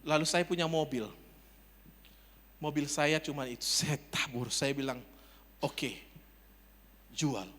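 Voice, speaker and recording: A man preaching as a pastor, telling a personal story in a chatty way and building to loud calls to the congregation. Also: on the high side, slow, long pauses. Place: church service. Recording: long church hall reverb.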